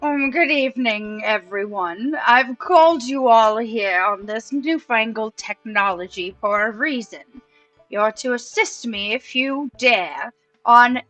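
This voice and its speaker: A woman's voice: fairly high pitch, fairly bright tone, no echo, low-quality recording. A woman voicing a formal, theatrical old male butler with grandiose, old-fashioned phrasing, role-playing in character.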